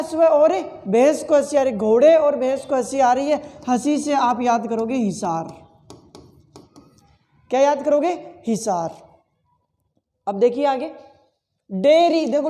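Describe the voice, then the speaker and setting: A man's voice: very high voice, mellow, long reverb tail. A male teacher giving an exam-prep lesson full of memory tricks, asking questions and answering them himself and repeating key words several times.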